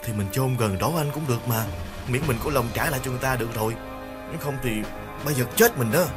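A man voicing a frightened young man who whimpers and pleads in a shaky voice, with soft music behind. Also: medium pitch, fast talker, voice pushed up, lightly acted. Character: frightened young man, a small-time thief begging.

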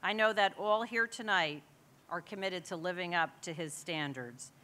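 A woman's voice: on the low side, moderate pace, pushed and bright. A woman giving a formal, earnest introduction at an awards dinner. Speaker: co-chair presenting an award.

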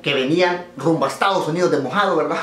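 A man telling jokes to camera in an animated way, often tagging lines with a quick "¿verdad?". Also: on the high side, a little hiss or hum. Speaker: joke teller. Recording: roomy echo.

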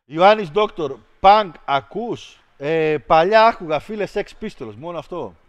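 A man hosting a livestream, chatting casually with viewers and ranting in a mocking, animated way. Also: high-pitched, dry recording, muffled recording. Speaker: livestream host. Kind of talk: casual stream chat with viewers.

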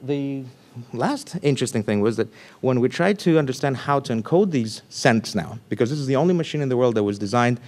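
A man giving a scientific talk at a conference in a lecture room, speaking loosely with restarts and sudden animated bursts of emphasis. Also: mid-range voice, brisk.

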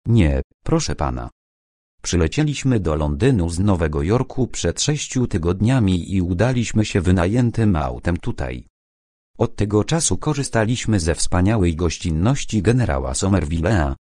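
A man voicing a polite, fussy elderly professor and worried father in an audiobook, speaking formally in a deep voice. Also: sing-song, normal speed, mellow, dry recording. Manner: formal, erudite, slightly fussy. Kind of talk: audiobook character reading.

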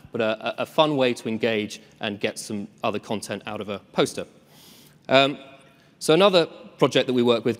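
A man presents a live tech demo on a conference stage, relaxed and self-deprecating, filling gaps with ums. His voice sits in the middle range and carries a long reverb from the large hall around him. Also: medium pitch.

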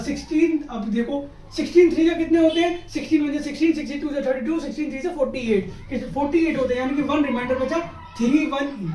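A man's voice: extremely high pitch, a little mellow. A young man teaching a lesson at home, quizzing the class and answering his own questions in a playful, casual way. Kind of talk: casual recorded tutorial. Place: room at home. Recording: echoey room, far from mic.

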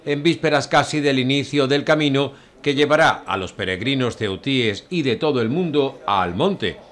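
A man's voice: medium pitch, lively intonation, moderate pace, a bit bright. A man reading a scripted news report as a voice-over.

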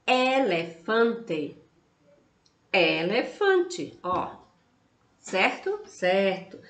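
A Brazilian woman leads a lesson for small children and stretches each word to sound out its first vowel. She speaks at a very unhurried pace. Her voice carries the echo of a roomy space. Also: fairly low pitch. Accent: Brazilian Portuguese. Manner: slow, drawn-out words, sounding out vowels for kids. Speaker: preschool teacher. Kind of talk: online lesson for young children. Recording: roomy, echoey room.

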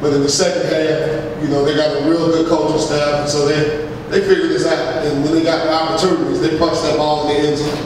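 A middle-aged man, a head football coach, answering press questions after a game in a measured, halting way with many fillers and restarts. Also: fairly high pitch, flat delivery, darkish tone. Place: press room with backdrop, large echoey space. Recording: echoey hall, far mic, noisy.

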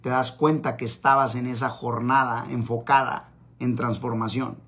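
A man's voice: mid-range voice, fairly even intonation, moderate pace, a bit bright, husky. A man giving a live-streamed motivational talk, emphatic and repeating his key phrases. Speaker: motivational speaker. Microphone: camera mic on live stream.

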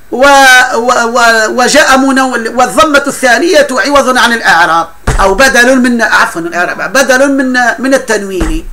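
A man teaching a classroom grammar lesson at a fast clip. His voice sits high and bright. He explains patiently, often laughing and restarting words mid-thought.

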